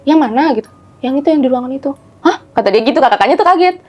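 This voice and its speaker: A woman telling a ghost story in casual chat, animated and acting out the voices of the people in it. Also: high-pitched, quick pace, soft background music. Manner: animated, acts out quoted voices, keeps saying "gitu". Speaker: guest telling ghost stories.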